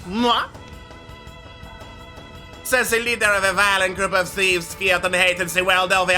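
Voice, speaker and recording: A man putting on a haughty young woman, mock French accent, lifted pitch, bright tone. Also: little pitch movement, measured pace, soft background music, exaggerated voice.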